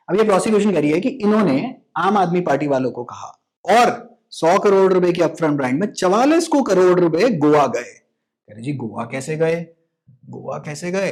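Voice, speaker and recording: A man's voice: a little high, a little mellow. A young man giving a casual legal lecture, explaining as an educator, mixing English phrases and asking rhetorical questions.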